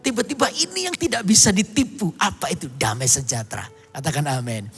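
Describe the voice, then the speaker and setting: A man's voice: sits high, expressive, fairly quick, vocal fry, big-room sound. A middle-aged man from Indonesia preaching a sermon, telling a personal story and breaking into song now and then. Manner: storytelling, bursts into song and shouts. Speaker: pastor.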